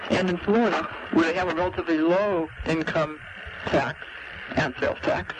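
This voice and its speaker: A man's voice: a little high, steady tone, moderate pace. A man leaving an earnest, emphatic political message as a caller to a comment line, with a reproving manner. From lives in California. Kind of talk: earnest political argument, partly prepared. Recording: noisy recorded phone message. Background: clear background noise.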